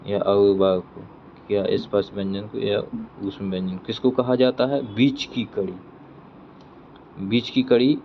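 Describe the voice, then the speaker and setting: Male teacher, exam-prep grammar lesson, repeats each question and answers it, slow deliberate delivery, somewhat low voice. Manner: explains step by step, checking in with "theek hai". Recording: dull lo-fi sound with faint vehicle noise.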